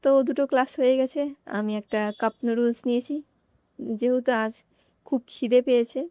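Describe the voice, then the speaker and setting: A woman's voice: a little high, steady tone, normal speed, warm tone, no room sound, studio quality. A woman, chatting casually to viewers in a vlog as she walks around her coaching centre holding a phone. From North Bengal, India. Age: late teens. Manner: chatty, talks straight to viewers, grumbles and jokes. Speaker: student vlogger.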